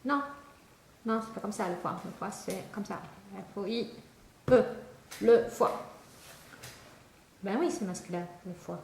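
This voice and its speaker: A woman's voice: mid-range voice, measured pace, vocal fry, long pauses, a little mellow. A woman doing a comedic spelling lesson, rambling to an imagined pupil, trailing off mid-sentence and laughing at herself. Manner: scatterbrained, rambling, talks to an unseen student, trails off and laughs. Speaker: comic spelling tutor. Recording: echoey room with faint noise.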